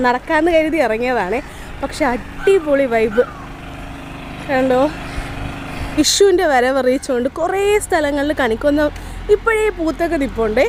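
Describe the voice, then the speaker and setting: A woman chatting casually to viewers on an outdoor walking vlog, often repeating herself. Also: sits high. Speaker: vlogger. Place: outdoors on a seaside roadside. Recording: outdoor street ambience and traffic noise.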